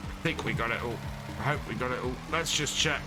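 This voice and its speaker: Speaking quickly at a medium pitch, a streamer chats casually with his live audience while playing a farming game. He thanks followers and answers their questions as he goes, game music audible behind him.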